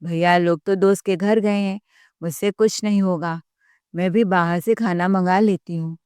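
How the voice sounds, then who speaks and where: A woman's voice: lowish voice, fairly even intonation, normal speed, a little mellow, smooth, no echo, studio quality, natural voice. A woman voicing a spiteful, spoiled young sister-in-law who taunts and sulks. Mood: sulky. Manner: taunting, sulky.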